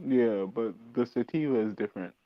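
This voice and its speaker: A man's voice: mid-range voice, a little fast, no echo, highs cut off. Giggly, profane man on a call. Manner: giggly, profane, animated banter. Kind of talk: casual podcast chat.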